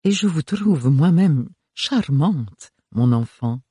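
A man voicing an elegant aristocratic woman who speaks slowly in a purring, refined way. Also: fairly high pitch, animated, mellow, slightly rough, no echo, pitched above the performer's own voice, full character voice. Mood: gracious.

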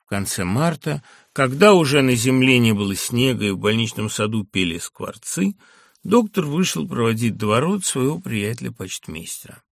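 A man narrating a classic literary audiobook in a measured, expressive reading on a close studio mic. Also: medium pitch, gravelly, dry recording. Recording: dry studio recording.

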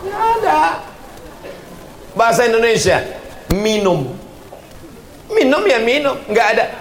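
A man giving an animated religious lecture as a preacher, breaking into slow chanted recitations. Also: very high voice, gravelly, reverberant, a crowd in the background, background noise. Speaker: Islamic preacher.

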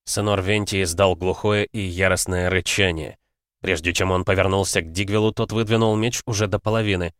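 Low-voiced man narrating an audiobook. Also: no room sound, clean studio sound. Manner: expressive, measured storytelling.

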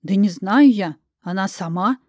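A woman's voice: mid-range voice, unhurried, darkish tone, dry recording, lightly acted. Woman reading a flustered young man, defensive, bewildered, dry close sound.

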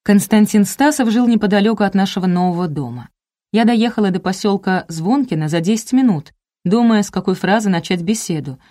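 A woman narrating a detective novel in the first person, with even, wry storytelling. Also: medium pitch, a little fast. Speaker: audiobook narrator.

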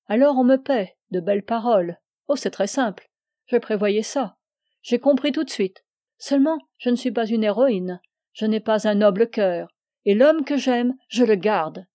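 A woman's voice: fairly high pitch, normal speed, dark tone, dry recording, studio quality, natural voice. A woman reading aloud and voicing a passionate, possessive young woman who speaks with scorn and rising cries. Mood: scornful.

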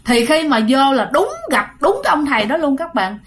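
A woman's voice: sits high, animated, a little fast. Chatty woman telling a ghost story. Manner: chatty, addresses listeners directly.

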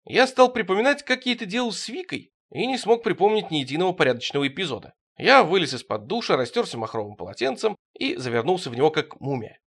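A man narrating absurdist prose in a wry, deadpan storytelling manner. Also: high voice, fast talker, hardly any pauses, breathy edge. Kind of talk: audiobook reading of absurdist prose.

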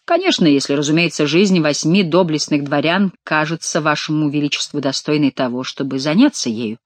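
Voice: medium pitch, a little fast, dry recording, close to an everyday voice. A narrator voicing an earnest, deferential young male courtier in an audiobook. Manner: formal, deferential. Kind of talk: audiobook character reading.

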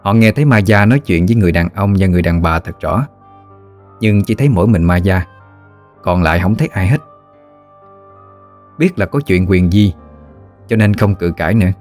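A man with a Southern Vietnamese accent narrating a ghost story in a steady, plain manner. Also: deep voice, fairly quick, pauses often, soft background music.

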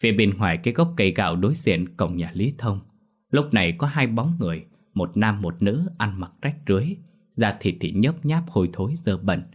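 A man telling a ghost story with steady, dramatic scripted narration. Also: on the low side, a little fast, husky. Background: faint music.

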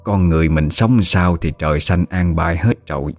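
A man voicing a calm, commanding older female exorcist with a Southern Vietnamese accent. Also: deep voice, moderate pace, creaky, soft background music. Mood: firm. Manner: firm, matter-of-fact.

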